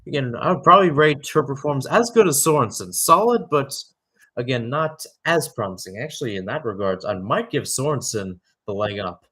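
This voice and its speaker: A young man calls live soccer play-by-play in radio style, his medium-pitched voice expressive, fairly quick, pushed and bright with a slight roughness. He often corrects himself and drifts into conversational asides.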